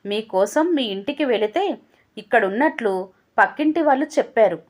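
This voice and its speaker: A woman voicing a plain-spoken male driver who talks in a hushed, matter-of-fact way. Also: a little high, animated, normal speed.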